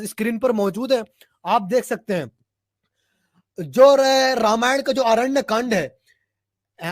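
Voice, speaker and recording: A man with a very high-pitched voice makes his case in a heated online debate. He is emphatic and repeats his lines to press a challenge, and the sound is close and dry with no room echo. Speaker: debate panelist. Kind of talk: polemical online religious debate.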